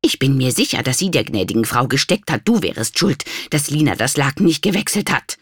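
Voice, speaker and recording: Young servant girl, put on by an audiobook reader, high and nervous, quick to whisper complaints. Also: sing-song, fairly bright tone, breathy edge, no echo, studio quality, exaggerated voice. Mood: indignant. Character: timid young maid, indignant.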